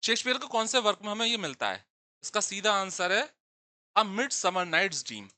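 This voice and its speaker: A man lectures on English literature for exam students, repeating key terms and posing questions he then answers himself. His voice is bright and lively, swinging up and down in pitch. The recording is dry and close, with almost no room sound. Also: moderate pace, dry recording.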